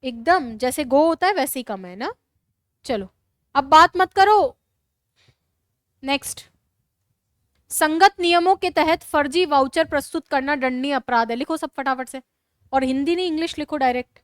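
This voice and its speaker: A woman teacher with a Rajasthani Hindi accent, giving a classroom lecture in a brisk, scolding way and urging students to write fast. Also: high-pitched, no room sound.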